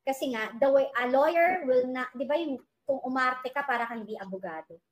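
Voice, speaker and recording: A middle-aged woman from the Philippines joins a casual political chat as a guest. Her voice is a little high, and she talks emphatically, stating her views outright. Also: brisk, rough recording. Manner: emphatic, outspoken. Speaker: guest commentator.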